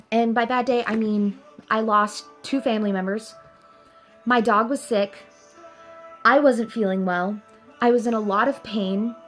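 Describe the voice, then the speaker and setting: Earnest young woman vlogging, music behind. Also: on the high side. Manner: earnest, animated, chatty with laughs. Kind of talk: casual motivational talk to camera.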